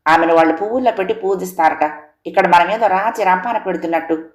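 A woman doing a sharp-tongued, resentful young daughter-in-law. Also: quick pace, reverberant, lightly acted. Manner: sharp, raised, complaining pitch.

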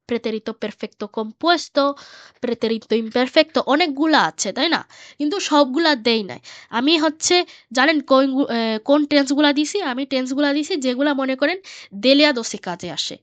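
A young woman with a high voice talks through her Spanish learning book in a casual, chatty lesson, stopping often to fill and restart as she explains step by step. The sound is dry and close, with no room behind her. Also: a bit bright, no room sound. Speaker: Spanish teacher and book author.

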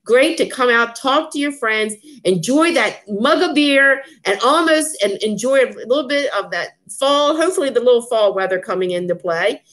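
A woman's voice: fairly high pitch, lively intonation, normal speed, hardly any pauses, fairly bright tone. A woman hosting a casual chat about upcoming member events, enthusiastic and full of fillers and restarts. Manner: enthusiastic, repeats herself with many fillers. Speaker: association president hosting.

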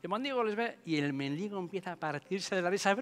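Animated storyteller, man. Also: high voice, quick pace. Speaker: motivational speaker. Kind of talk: storytelling motivational talk. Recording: long hall reverb, soft music.

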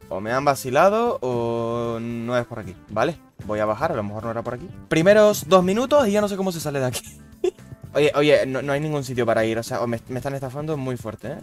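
A young man, giving casual, swear-heavy commentary over his gameplay with loud, baffled outbursts. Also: medium pitch. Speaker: gaming youtuber.

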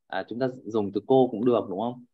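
A man's voice: fairly low pitch, fairly even intonation, a little fast, husky, phone-quality sound. A man teaching a class over a video call, often checking in with his students and repeating fillers as he explains. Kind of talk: online class lecture.

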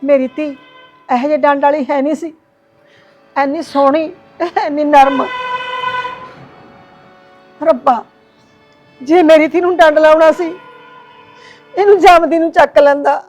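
A woman's voice: sits high, fairly even intonation, a little slow, long pauses, a little mellow, faint music behind. A woman playing a grieving old village mother. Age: older. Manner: pleading and consoling. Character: grieving elderly village mother, tender and devout. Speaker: actor. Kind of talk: village drama acting.

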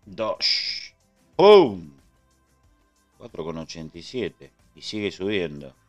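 A man's voice: low voice, moderate pace, faint music behind. A man with an Argentine accent hosting a casual live trading stream, chatting loosely and answering his viewers. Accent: Argentine Spanish. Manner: chatty, answers chat and thanks subscribers.

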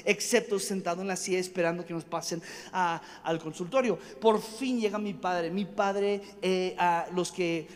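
A young man preaching a storytelling sermon at a conference. He rambles from one anecdote to the next, jokes and acts out voices. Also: high-pitched. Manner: animated, rambling, jumps between stories. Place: conference hall stage. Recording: reverberant hall, faint ambience.

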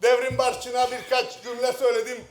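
Cypriot guy at a lectern mic in parliament, high voice, echoey chamber, gets fired up and shouts. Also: completely flat delivery, a little fast. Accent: Turkish Cypriot. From Northern Cyprus. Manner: speaking at a lectern microphone in the chamber; impassioned, swings from low jabs to shouted outbursts. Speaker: member of parliament. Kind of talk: parliamentary floor speech. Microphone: lectern microphone. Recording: roomy chamber echo.

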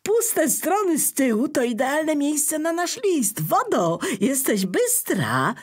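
A woman's voice: medium pitch, takes it slowly, breathy edge, pitched above the performer's own voice, exaggerated voice. A woman voicing an eager, proud little teddy bear in a children's storybook. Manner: excited and proud.

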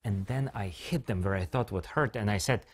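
A man's voice: lowish voice, moderate pace. A man presenting a product launch in a scripted, joking way, full of playful self-mocking asides.

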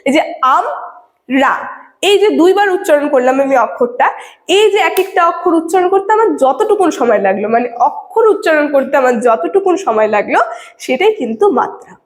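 A young woman from India, teaching a lecture at a board and checking her students' understanding with a rising tag question after nearly every point. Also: high voice.

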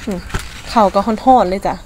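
A woman with an Isan accent chatting casually as she eats in a food vlog, using soft polite particles. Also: fairly quick, a little hiss or hum. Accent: Isan (Northeastern Thai). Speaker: food vlogger.

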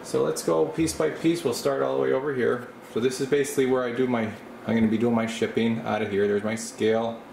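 A radio repair channel's host talks briskly with few pauses in a creaky, medium-pitched voice, touring his small bench workshop while holding the camera. It's informal and unscripted, captured on the handheld mic from behind the camera, with roomy acoustics and a steady air-conditioner-like drone.

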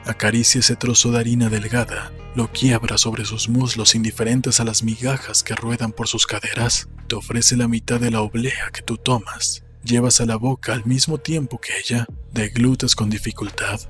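Reading literary fiction as an audiobook narrator, a man keeps a measured, solemn manner and a mid-range voice with a level tone. He works from a script in a small indoor room, close to a desk microphone and wearing headphones, while soft music plays.

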